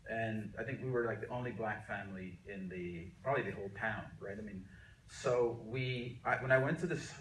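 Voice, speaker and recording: A man's voice: lowish voice, fairly quick, fairly bright tone, a little hiss or hum. A middle-aged man who grew up in Jamaica, an artist being interviewed, telling stories of his life in a rambling way with many restarts. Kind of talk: relaxed conversational storytelling. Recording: echoey room, mic at a distance.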